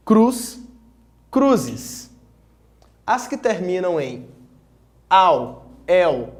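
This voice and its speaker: High-voiced man teaching grammar. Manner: clear, didactic, spells out examples slowly. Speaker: Portuguese teacher. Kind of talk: online grammar lesson.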